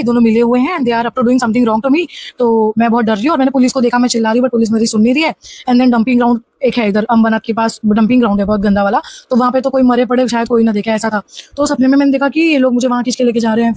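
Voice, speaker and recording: A woman vlogger rushes through a personal story in a high, quick voice. Her telling is animated and full of restarts. The sound is dry and close, with no room echo. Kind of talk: casual storytime monologue.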